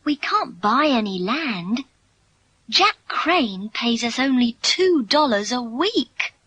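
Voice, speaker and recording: A worried, brave young girl with a British English accent, as a woman reader puts her on. Her voice sits high and bright, and it leaps up and down as she speaks. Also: very animated, takes it slowly, slightly rough, exaggerated voice. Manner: raised, eager girlish voice.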